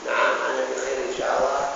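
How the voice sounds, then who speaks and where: A man's voice: medium pitch, monotone, moderate pace, gravelly, muffled recording, background noise, pitched below the performer's own voice. A male preacher voicing a poor, weary mother who gives plain, resigned answers, in an echoey hall recorded from far off. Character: poor widowed mother, weary older woman.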